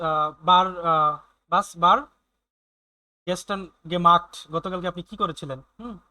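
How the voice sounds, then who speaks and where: A man teaching German in an online class, explaining slowly with many fillers and often checking in with his students. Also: high voice, pushed and bright, no room sound.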